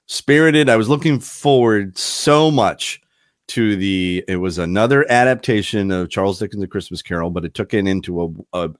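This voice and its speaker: A man's voice: on the low side, no room sound, clean studio sound. A man hosting a casual podcast chat, rambling and wandering off on tangents. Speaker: podcast host.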